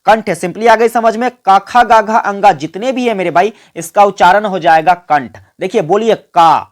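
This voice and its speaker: A man's voice: high voice, moderate pace. A man teaching an exam-prep grammar lesson. He keeps asking the listeners questions, answers them himself, and has them repeat sounds along with him. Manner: quizzes listeners and answers his own questions.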